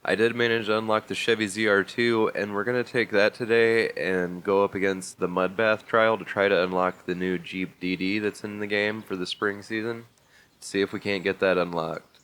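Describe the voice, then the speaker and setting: Congested from a bad cold, a man hosting a racing game video talks casually and methodically through a vehicle build, with plenty of fillers. His voice is fairly low, steady and a bit bright, moving at a moderate pace with a clean tone.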